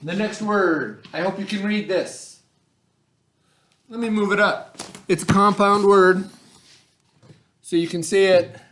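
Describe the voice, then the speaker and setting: In an echoey indoor room, a middle-aged elementary teacher leads a remote read-aloud lesson for kids. His voice sits high with a steady, fairly bright tone, and he goes slowly with frequent pauses. He explains conversationally, often repeating himself and asking questions to make sure the children follow.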